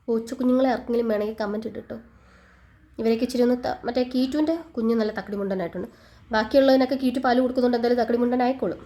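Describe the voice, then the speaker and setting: A woman, telling a lively story in a casual home vlog. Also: on the high side. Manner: lively storytelling, talks to her pets. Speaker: vlogger.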